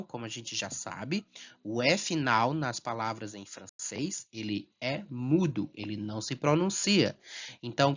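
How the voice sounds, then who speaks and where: A patient teacher, explaining French grammar slowly and checking in often with the class. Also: medium pitch. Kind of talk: language lesson. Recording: slightly dull lo-fi sound.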